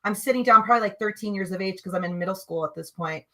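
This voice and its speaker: A woman with a bright, forward voice tells personal stories to a host. Her delivery is animated and emphatic, dropping low and quiet, then jumping up loud. It sounds like a casual, conversational podcast. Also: quick pace. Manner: animated, emphatic, swings between hushed and loud. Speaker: guest sharing spiritual experiences. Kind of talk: conversational storytelling.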